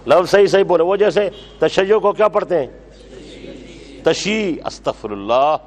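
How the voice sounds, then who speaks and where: A religious teacher, lecturing a class, repeating phrases slowly for dictation and scolding students brusquely. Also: male voice, sits high, animated. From Pakistan.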